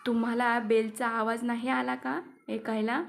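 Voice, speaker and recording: A woman's voice: a little high, little pitch movement, measured pace, gravelly, slight background noise. A woman voicing a strict teacher who lectures her class in a stern tone.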